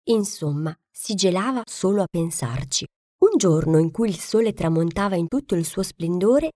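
A woman from Italy reading a children's fairy tale aloud in a gentle, expressive storytelling manner. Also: mid-range voice, no echo, studio quality.

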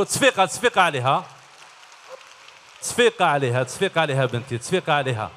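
Holding a handheld mic on a large concert hall stage, a middle-aged man hosts a children's show and happily quizzes the kids. His voice, a little high and slightly bright, carries an Algerian Arabic accent. The hall adds a long reverb.

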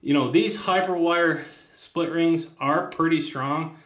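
A man's voice: on the high side, takes it slowly, fairly bright tone. A man casually showing fishing lures at a table, rambling with lots of ums and restarts. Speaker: fishing channel host. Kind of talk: casual tabletop lure demo. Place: indoors at a tabletop, hands on camera. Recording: echoey room.

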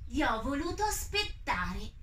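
Greedy male owl puppet voiced by a woman: high, bouncy, slow, heard from across a roomy space. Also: very animated, a bit bright, distant mic, full character voice. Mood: playful. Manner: chatty, coaxing children, exclamatory. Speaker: puppet character for children.

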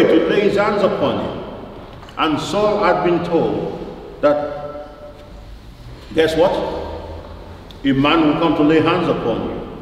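A man with a rather high voice preaches a sermon at a church service, emphatic and deliberate, quoting scripture, repeating phrases for weight and asking listeners rhetorical questions. The large church is very reverberant, recorded from a distant mic with faint noise.

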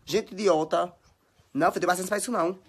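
Husky-voiced bahian girl doing phone stories at home, over the top and dramatic, scolding a lot. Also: on the low side, fast talker. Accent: Bahian Brazilian Portuguese. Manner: dramatic, exaggerated and scolding, full of exclamations. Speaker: social media personality. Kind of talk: casual phone stories monologue.

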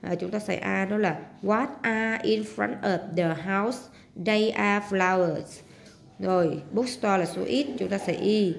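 A woman's voice: medium pitch, measured pace, vocal fry. A woman with a Southern Vietnamese accent, walking through homework as a teacher and translating English words step by step. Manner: explains step by step, translating English words and adding sentence-end particles. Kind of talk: homework walkthrough lesson.

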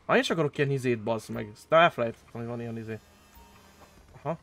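A young man streaming a role-play game, chatting casually and excitably with friends, swearing often and jumping into high squeals. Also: vocal fry, soft background music. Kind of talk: casual gaming chat with friends.

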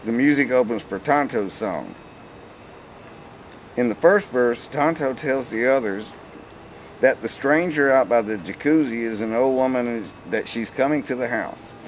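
Guy reading a funny stage script out loud, relaxed, amused, mid voice. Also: mid-range voice, a little slow, a little hiss or hum. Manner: amused, stumbles and laughs. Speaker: script reader. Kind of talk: reading a comic script aloud.

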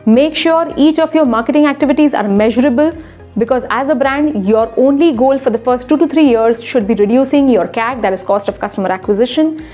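Recorded in lo-fi sound, a young woman's high, darkish voice carries a scripted studio explainer aimed at the camera. A retail consultant, she comes across brisk, instructive and emphatic, with plenty of hand gestures.

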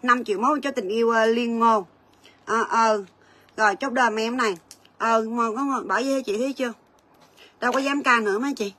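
Woman, chatty livestream seller, bright voice, fairly high pitch. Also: fairly even intonation. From Vietnam. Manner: chatty, rapid price calls, storytelling asides. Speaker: gold shop livestream seller. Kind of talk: livestream sales chat.

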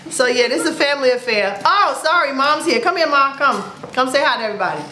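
High-pitched and expressive, she talks fast with a sharp tone, and the recording sounds roomy with a little hiss or hum. The woman, in her forties, is casually chatting to a camera in front of her at home by a plain wall, upbeat, playful and exclaiming often.

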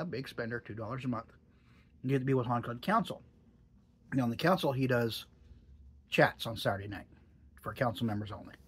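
A man's voice: mid-range voice, slightly rough. A middle-aged man chatting casually in a vlog, musing and hesitant, with dry jokes. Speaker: tobacco reviewer.

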